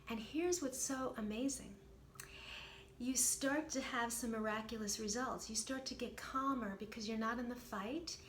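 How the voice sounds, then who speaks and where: A woman's voice: on the high side, slight background noise. A woman teaching self-help in an earnest, encouraging way and guiding a short meditation. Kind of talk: motivational talk with guided meditation. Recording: roomy echo, faint background ambience.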